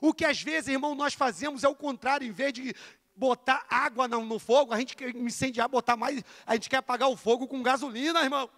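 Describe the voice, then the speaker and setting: A man from Rio de teaching the Bible in a church, fervent, swinging between loud exclamations and hushed asides as he acts out dialogue. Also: very high voice, fairly quick. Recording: long hall reverb.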